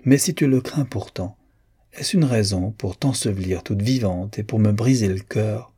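A man reading an audiobook and voicing an anxious, loving mother who pleads softly. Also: lowish voice, normal speed, husky. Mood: pleading. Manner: soft, pleading, gently raised.

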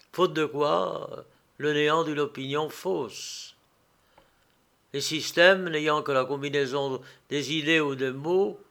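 Un homme qui lit à voix haute un conte littéraire, posément, avec quelques hésitations. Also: male voice, a little high, creaky, fairly bright tone. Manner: measured, unhurried, a few fillers. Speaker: reader. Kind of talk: reading a literary tale aloud.

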